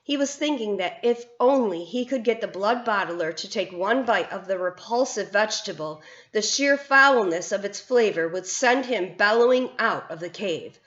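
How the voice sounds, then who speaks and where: A woman teacher reading a children's novel aloud with expressive storytelling. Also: medium pitch, moderate pace. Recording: roomy, dull lo-fi sound.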